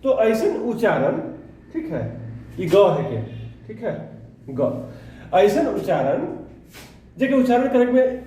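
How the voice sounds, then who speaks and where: A male teacher giving an exam-prep grammar lesson. He goes slowly, repeats words and keeps checking in with the class. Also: sits high, sing-song, dark tone, slight background noise. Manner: slow and repetitive, often checking in with the class. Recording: very echoey room, mic far away.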